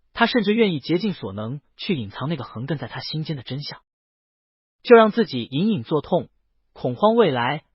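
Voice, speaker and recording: Narrating a scripted romance novel for an audiobook, a man speaks in a fairly high, husky voice whose pitch shifts lively through the story. He voices the characters' dialogue within the narration. The recording is close and dry with no room sound, and slightly dull.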